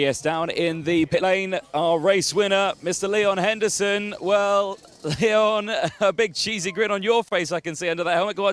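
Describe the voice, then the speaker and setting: A man interviews kart drivers after a race, chatty and full of little jokes. His voice sits a touch high for a man. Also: fairly bright tone. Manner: chatty, jokey, repeats catchphrase. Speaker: pit lane interviewer.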